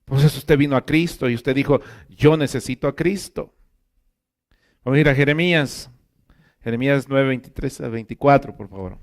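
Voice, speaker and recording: A man preaching a sermon as pastor, emphatic, rising to loud exclamations and dropping to quiet asides, often calling his listeners brothers. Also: medium pitch, normal speed. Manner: keeps addressing listeners as brother.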